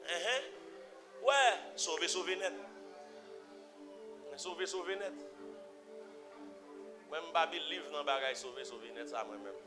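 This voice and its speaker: High-voiced Haitian preacher over music. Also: male voice, unhurried, long pauses. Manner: repetitive preaching cadence, swinging from low murmurs to loud emphatic cries. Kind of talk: sermon.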